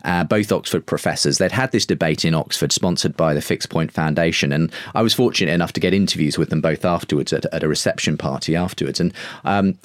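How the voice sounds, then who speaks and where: A man's voice: rumbling low, fast, dry recording, clean studio sound. A man speaking as an author in an interview, thoughtful, often restarting his sentences while building an argument. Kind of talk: conversational interview.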